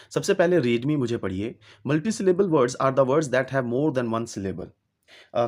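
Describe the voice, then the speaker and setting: Guy doing an english class lesson, reads the words slow then explains them, mid pitch voice. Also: darkish tone. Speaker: English teacher. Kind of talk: textbook exercise lesson.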